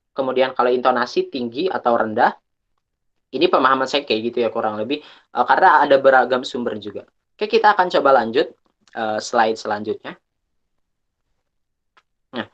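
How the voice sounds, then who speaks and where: Young male webinar speaker, casual and halting, dull lo-fi call audio. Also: mid-range voice, a bit bright. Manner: chatty, restarts often, pauses with fillers. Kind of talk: casual online workshop talk.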